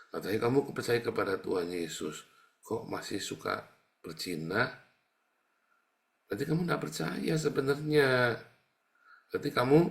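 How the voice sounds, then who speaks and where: A man with a gravelly, mid-pitched voice preaches a conversational sermon. He talks straight to his listeners, dropping to quiet asides before rising into loud, emphatic rebukes. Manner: keeps addressing the congregation as "saudara". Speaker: pastor.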